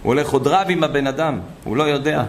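Preacher guy telling stories in a sermon, kinda high gravelly voice, faint noise behind. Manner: animated, acts out quoted voices. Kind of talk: sermon with storytelling.

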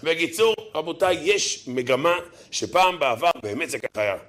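A man giving a lively sermon, telling stories and acting out the voices of the people in them, chuckling often. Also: fairly high pitch. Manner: animated, acts out quoted voices, chuckles often. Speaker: rabbi preacher.

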